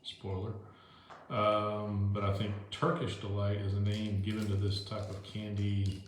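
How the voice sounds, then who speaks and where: A man's voice: fairly low pitch, completely flat delivery, a little slow, a little hiss or hum. A man hosting a food-tasting video show indoors at home, talking casually to the camera in a loose, chatty way with plenty of fillers and restarts. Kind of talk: casual rambling talk to camera. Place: indoors at home, moved in from the deck. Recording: very echoey room.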